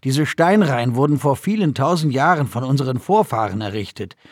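A man reading aloud, voicing a patient father who explains things calmly to his son. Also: medium pitch, fairly quick, no echo, studio quality, natural voice. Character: patient, gently amused father.

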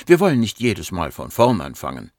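A man's voice: sits low, huge pitch swings, brisk, no echo, studio quality, full character voice. A man reading a patient, composed female psychiatrist in her fifties, raising his voice to play her. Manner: patient, firm, soothing.

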